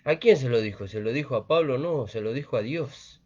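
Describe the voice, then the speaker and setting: A man's voice: medium pitch, animated, a little fast, a little mellow. A man preaching a sermon, earnest and repetitive, often asking "¿vio?". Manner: earnest, repeats phrases with frequent "¿vio?". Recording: dull lo-fi recording.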